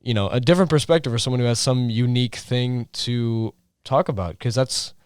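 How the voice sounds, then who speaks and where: A man's voice: mid-range voice, brisk, clean tone, dry recording, clean studio sound. A young adult man co-hosting a podcast, talking casually with many fillers and restarts. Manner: rambling, filler-heavy. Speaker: podcast co-host. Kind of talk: casual chat.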